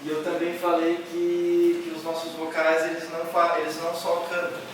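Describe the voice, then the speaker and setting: Male instructor, loud and rambling, heard from afar in a very echoey hall. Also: fairly high pitch, monotone, moderate pace, slight background noise. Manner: loud, nearly shouting, with many fillers and restarts. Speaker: music workshop instructor. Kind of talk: workshop explanation to students. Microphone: camera from a distance. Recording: echoey hall recorded from far off.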